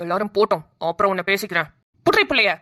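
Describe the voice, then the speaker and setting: A woman voicing a harsh, cruel village mother-in-law in a cartoon, scolding and threatening in a rough. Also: medium pitch, sing-song, racing, pushed and bright. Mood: menacing, scornful. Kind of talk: cartoon voice acting.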